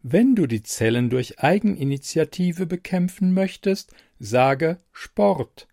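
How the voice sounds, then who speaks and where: A man's voice: a little high, animated, slow pace, creaky, mellow, no echo, clean studio sound, voice pushed up, full character voice. A man voicing a polite, mechanical beauty computer that speaks in formal, stiff phrases in an audiobook reading. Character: bumbling female-addressing beauty computer, polite, robotic.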